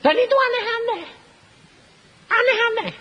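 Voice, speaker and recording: A man with a Javanese accent preaching a sermon, telling stories in a lively way that swings between hushed and loud lines. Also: very high voice, normal speed, muffled recording. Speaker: pastor. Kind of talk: sermon with storytelling.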